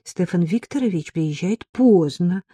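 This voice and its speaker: A woman voicing a timid young woman servant who frets and pleads, speaking in a raised, mellow voice in an audiobook. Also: lowish voice, animated, a little slow, breathy edge, no room sound. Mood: anxious. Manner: pleading, fearful.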